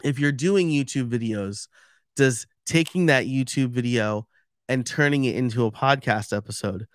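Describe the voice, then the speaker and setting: Clean, dry studio audio carries a man's mid-range voice at a moderate pace. With a New York accent, this podcast expert chats casually during a live stream, breaking things down step by step and leaning on many fillers.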